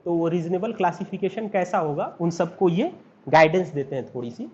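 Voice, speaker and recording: A man with an Indian accent gives a law lecture and goes over each term several times. His voice sits fairly high, and he spells names out slowly. The recording is dull and lo-fi, with a faint hiss underneath. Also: lively intonation, darkish tone. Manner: repeats and spells out terms slowly, asks students to write along.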